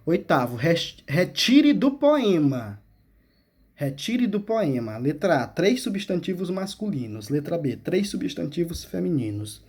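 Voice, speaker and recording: A man's voice: on the high side, very animated, measured pace, a little mellow, husky. A male teacher, explaining a school exercise step by step and checking in with frequent questions. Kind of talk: remote classroom lesson.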